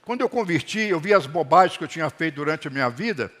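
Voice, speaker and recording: A middle-aged man preaching a sermon to his congregation in a church hall, animated and calling for responses. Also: a little high, fast. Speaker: pastor.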